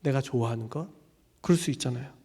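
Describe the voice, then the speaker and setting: A man's voice: medium pitch, quick pace, a little mellow, slightly rough, in a large hall. A man preaching a Sunday sermon as pastor, in a casual, conversational way with many fillers, animatedly acting out little dialogues. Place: church sanctuary.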